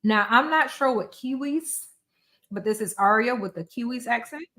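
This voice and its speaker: A woman's voice: fairly high pitch, normal speed, a bit bright. Chatty woman hosting a tech livestream. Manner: chatty, talks off the cuff to viewers. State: eating while talking. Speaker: livestream host demonstrating software. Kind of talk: casual screen-share tutorial.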